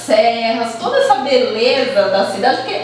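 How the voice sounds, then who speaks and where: A Brazilian woman from a theater project talking casually and lively about her research. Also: on the high side, normal speed. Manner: talkative, animated, acts out quoted voices. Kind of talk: casual conversation. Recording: echoey room, distant mic.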